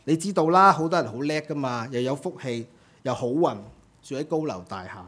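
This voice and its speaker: A man's voice: mid-range voice, expressive, a little fast, fairly bright tone. A man voicing an overworked ant student who pleads with God and complains about endless classes and homework. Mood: whiny pleading.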